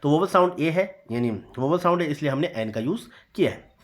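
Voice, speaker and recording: Man teaching grammar, slow and repetitive. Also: a little high, lively intonation. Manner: slow deliberate reading of example sentences, repeating key points. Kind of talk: explanatory classroom lesson.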